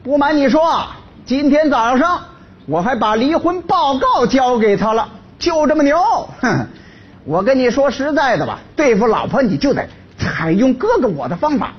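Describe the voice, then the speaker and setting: A man's voice: very high voice, big pitch swings, normal speed, breathy edge, lo-fi sound, full character voice. An actor in a comedy sketch playing a laid-off husband who brags about his wife, then fawns over her. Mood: blustering. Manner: blustering, then fawning and servile. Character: boastful henpecked laid-off husband. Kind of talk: stage comedy sketch acting.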